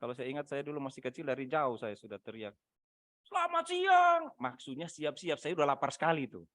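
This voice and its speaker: A man preaching a sermon over a video call, swinging between loud emphatic lines and quiet asides, often asking his listeners rhetorical questions. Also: mid-range voice, fast talker, dry recording, studio quality. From Manado, Indonesia. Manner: asks the congregation rhetorical questions. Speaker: pastor.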